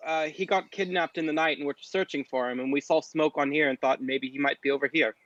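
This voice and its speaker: High-voiced cheeky player man. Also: steady tone, quick pace, fairly bright tone, dry recording, muffled recording. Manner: cheeky and playful. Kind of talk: tabletop game play.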